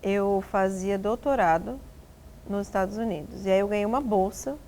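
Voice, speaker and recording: A woman's voice: mid-range voice, normal speed, a little mellow, a little hiss or hum. A middle-aged woman from Rio de Janeiro, a guest on an interview show, recalling past experiences in a reflective way with frequent tag questions. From Rio de Janeiro, Brazil. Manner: reflective, filler-tagged, trails off. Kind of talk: casual interview conversation.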